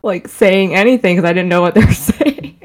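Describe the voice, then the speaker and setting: A young woman from the States co-hosting a podcast, talking softly and laughing often, a bit unsure of herself. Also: mid-range voice, a little fast. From United States. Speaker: podcast co-host. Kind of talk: casual chat.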